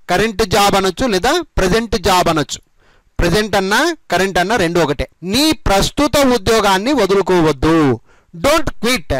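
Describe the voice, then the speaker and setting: A male spoken-English teacher with a Telugu accent and a high, bright voice. He says each English sentence slowly and with care, then goes back over it. The sound is close and dry, with no room echo. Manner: slow, deliberate repetition of example sentences. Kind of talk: bilingual language lesson.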